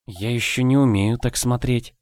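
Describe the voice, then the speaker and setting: A man's voice: mid-range voice, steady tone, normal speed, darkish tone, no echo, clean studio sound, pitched above the performer's own voice, close to an everyday voice. A man voicing a timid, self-doubting young girl in an audiobook. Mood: shy.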